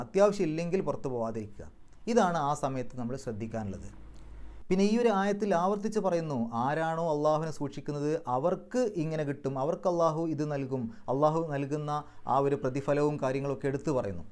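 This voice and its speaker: Man, Quran teacher, patient step-by-step explanations, slowly chanted example words, fairly high voice. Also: darkish tone. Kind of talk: religious lesson with recitation drills.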